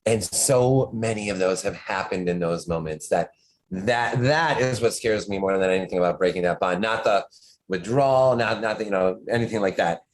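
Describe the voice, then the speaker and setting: A man's voice: fairly low pitch, moderate pace, poor audio. A man who writes horror, a podcast guest talking in casual chat, rambling and restarting his sentences often.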